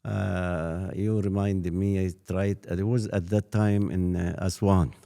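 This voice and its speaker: A man in his eighties with an Egyptian accent, a native Arabic speaker, telling his life story as a priest in an interview, halting and repeating words. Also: sits low, flat delivery, gravelly, dark tone. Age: 80s. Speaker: Coptic priest guest.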